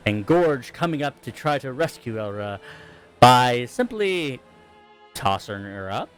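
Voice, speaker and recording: A man's voice: mid-range voice, sing-song, unhurried, clean tone, faint music behind. Rambling male game master recapping. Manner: rambling, self-correcting. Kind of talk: narrating a tabletop game recap.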